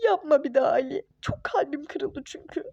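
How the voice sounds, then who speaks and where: A woman voicing a young wife and mother in a home-made toy-game role-play, scolding and hushing her husband. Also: high voice, expressive, normal speed, gravelly, highs cut off, a little hiss or hum. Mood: hurt. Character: young wife and mother, hurt but firm and sensible.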